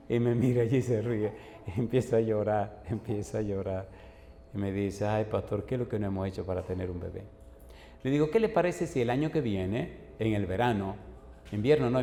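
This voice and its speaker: Recorded in an echoey hall with faint background noise, this man from the Dominican Republic has a mid-range, darkish voice. He's a pastor delivering sermon storytelling, acting out both speakers in each exchange and pushing his listeners with yes-or-no questions.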